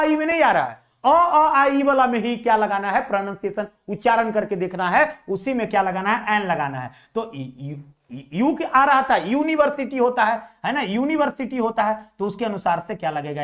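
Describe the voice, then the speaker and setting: A male teacher runs an exam-prep class. He keeps asking "what is it?" and answers it himself, and he reads English sentences slowly, word by word. His voice drops low and soft at the end of each answer. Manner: repeats questions to students and answers them himself.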